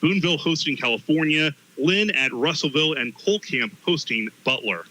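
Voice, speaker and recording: A man's voice: fairly high pitch, lively intonation, moderate pace, sharp tone, rough recording. A man co-commentating on a live sports broadcast, talking conversationally from the booth. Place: stadium press booth.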